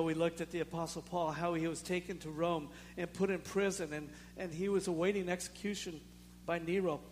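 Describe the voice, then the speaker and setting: High-voiced preacher in a reverberant hall. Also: male voice, a little hiss or hum. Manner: emphatic preaching, slowing down to stress key phrases. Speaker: pastor. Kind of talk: sermon.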